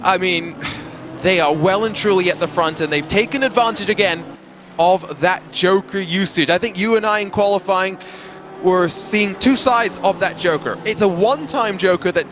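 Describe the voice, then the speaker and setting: A man's voice: high voice, moderate pace, background noise. A man giving live commentary on a racing event as part of a broadcast team. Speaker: motorsport commentator.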